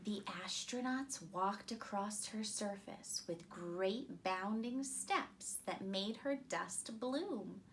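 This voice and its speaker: A woman in her thirties reading a children's picture book aloud with deliberate, expressive phrasing. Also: medium pitch, a little hiss or hum. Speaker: storytime reader.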